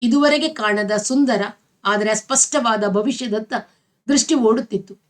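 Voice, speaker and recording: A woman with a Kannada accent reading a novel aloud as a storyteller, in a steady, expressive way. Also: fairly high pitch, normal speed.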